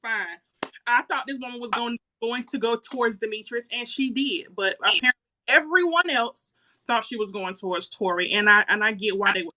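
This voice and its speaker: A woman with a bright, somewhat high voice talks in a relaxed podcast debate. She questions and pushes back in an easy, conversational way. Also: moderate pace. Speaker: podcast co-host. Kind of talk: casual debate chat.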